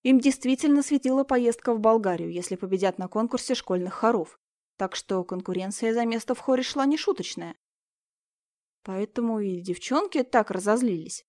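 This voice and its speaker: A woman narrating an audiobook in an expressive, emotive reading style. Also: fairly high pitch, moderate pace, no room sound.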